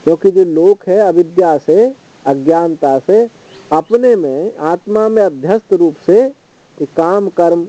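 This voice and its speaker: A man teaching as a swami, reciting Sanskrit verses and then explaining them in a measured, steady commentary. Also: sits high. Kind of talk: scripture study commentary. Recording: dull lo-fi recording.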